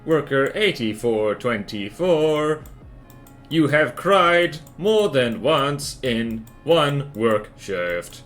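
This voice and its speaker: A man's voice: medium pitch, expressive, extremely slow, fairly bright tone, faint music behind. A man doing a robot voice as a cold dystopian manager who barks clipped orders at workers. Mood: commanding. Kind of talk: mock robot impression while drawing.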